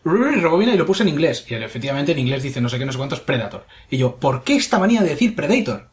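A man's voice: a little high, sing-song, fast. A man with a Spanish accent from Spain, co-hosting a casual podcast, reading listener comments aloud and swearing freely as he rambles. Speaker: podcast co-host.

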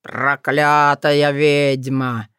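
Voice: medium pitch, fairly even intonation, slow pace, a bit bright, smooth, no echo, clean studio sound. A reader voicing a spiteful, half-mad old male forest spirit who snarls and gloats.

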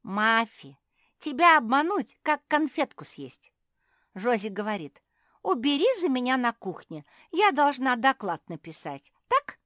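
A woman voicing a loud, bossy young female pug who teases and shouts in a shrill voice for a storybook reading. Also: big pitch swings, a little slow, no room sound, studio quality. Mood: teasing.

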